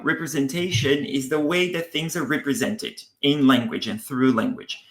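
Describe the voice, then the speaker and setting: A man from Brazil giving a conference talk to teachers, pausing often with ums and restarting his sentences. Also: mid-range voice, a bit bright. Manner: hesitant, with many ums and restarts. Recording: roomy echo.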